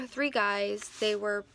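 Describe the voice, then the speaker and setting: Sitting in a car, a twentysomething woman tells her stories to a phone camera in a casual, candid vlog, full of ums and restarts. She speaks extremely slowly in a mid-range voice with a steady, sharp tone and vocal fry.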